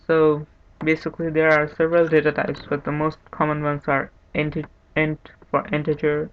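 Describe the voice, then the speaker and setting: Male tutorial host, monotone and unhurried, slightly higher voice, dull lo-fi mic with faint hiss. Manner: monotone, unhurried, thinking aloud with restarts. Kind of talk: screen-recorded coding tutorial. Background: keyboard typing and clicks.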